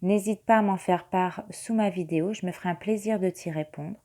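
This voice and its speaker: A woman speaking gently and soothingly, without hurry, as a tarot reader and meditation guide. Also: fairly low pitch, brisk. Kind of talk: soft-spoken spiritual card reading and guided meditation.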